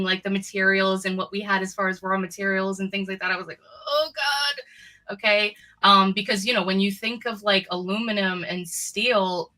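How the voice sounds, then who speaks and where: A woman's voice: mid-range voice, bright, forceful tone, poor audio. A woman co-hosting a casual political talk show, speaking in a loose, chatty way full of "like" and "you know.". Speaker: co-host.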